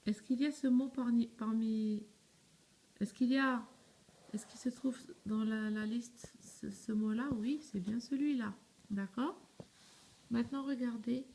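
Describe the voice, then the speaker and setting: A young woman speaking slowly and patiently, walking young children through a spelling lesson letter by letter. Her voice is mellow and a little high, and she keeps asking questions and then answering them herself. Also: steady tone, gravelly, a little hiss or hum. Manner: spells words letter by letter, often checks "d'accord?". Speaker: primary school teacher. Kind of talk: slow step-by-step spelling lesson.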